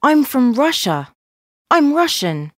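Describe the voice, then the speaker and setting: A friendly young woman meeting someone. She speaks slightly high and slowly, with lively melody. Her replies are friendly. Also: dry recording, studio quality, full character voice. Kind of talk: scripted language-course dialogue.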